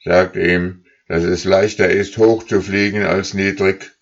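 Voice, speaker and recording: A stern old lead goose snaps out orders with little patience, as a man acts her out. The voice is husky and curt. The sound is a bit dull, like a storybook read onto an old recording. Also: low-pitched, expressive, measured pace, heavily acted. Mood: impatient. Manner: impatient, commanding.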